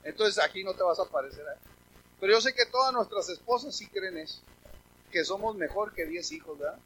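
A male preacher with a strikingly high voice delivers a sermon. He reads scripture loudly and emphatically, then drops to quieter asides, often putting questions to his listeners. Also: lively intonation, a little fast, breathy edge, low-quality recording. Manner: emphatic, addresses the congregation with questions.

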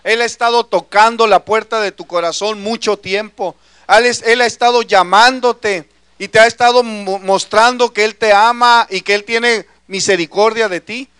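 High, bright-voiced male preacher. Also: steady tone, normal speed, clean tone, dry recording. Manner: earnest, addresses listeners as brother. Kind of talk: sermon.

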